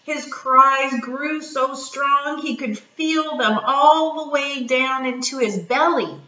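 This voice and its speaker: Brief: woman storyteller for children, slow and bright, recorded far off in an echoey room. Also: sits high, lo-fi sound. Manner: gentle, asks children questions. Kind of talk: children's read-aloud.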